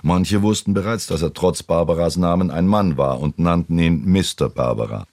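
A man reading a novel aloud in a steady, unhurried way. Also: low voice, dry recording, studio quality. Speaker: audiobook reader.

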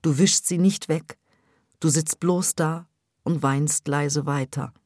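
Low-voiced woman narrating an audiobook. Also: no echo, studio quality. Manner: calm, measured storytelling. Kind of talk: scripted second-person narration.

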